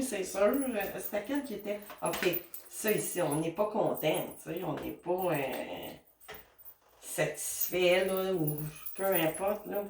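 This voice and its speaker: A woman with a Québécois accent doing a casual spiritual card reading, talking to her guides in a chatty, meandering way with many fillers. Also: mid-range voice. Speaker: tarot and oracle card reader. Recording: roomy and a bit distant, faint noise.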